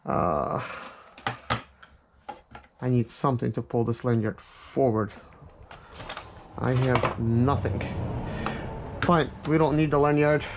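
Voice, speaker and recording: This man, a vlog host and product reviewer, gives casual unboxing commentary from an office, hesitantly thinking aloud as he handles the item. His mid-range voice is slow and pauses often. The audio is clear, with background noise and clicks.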